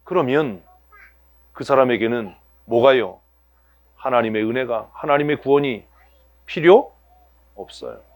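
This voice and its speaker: A man's voice: medium pitch, lively intonation, measured pace, pauses often. A male pastor preaching a sermon to his church, asking the congregation rhetorical questions and acting out everyday scenes in other voices. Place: church sanctuary.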